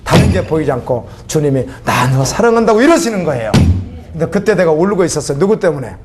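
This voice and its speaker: Emotional, animated Korean pastor preaching. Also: male voice, fairly high pitch, fast talker, very noisy. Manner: emotional, rising to cries and pleading. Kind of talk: sermon.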